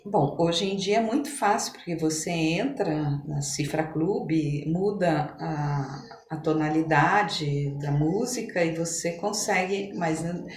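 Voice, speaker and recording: A middle-aged or older Brazilian woman, a doctor and amateur musician, guests on a podcast and tells stories casually in an interview. Her low-pitched delivery is animated yet halting, circling back on phrases. The room is echoey with some background noise.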